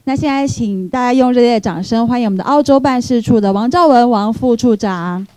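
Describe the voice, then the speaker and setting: Taiwanese lady emcee, formal announcing, soft mellow voice a bit on the high side, pretty dry sound. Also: fairly quick, no echo. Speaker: event host. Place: indoor seminar hall.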